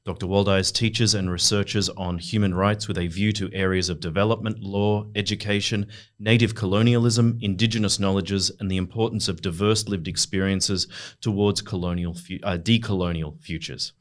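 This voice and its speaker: A man's voice: low-pitched, steady tone, normal speed. A man hosting an interview podcast, polite and formal. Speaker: podcast host. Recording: audio podcast.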